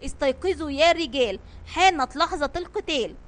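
A woman's voice: high-pitched, animated, brisk, a bit bright. A woman voicing a brave male sailor captain, leading his men with commanding calls. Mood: rallying.

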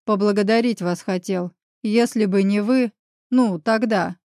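A woman voicing a tense young man seeking revenge, speaking in a firm, measured, growling way in an audiobook. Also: mid-range voice, mellow, no echo, clean studio sound, close to an everyday voice.

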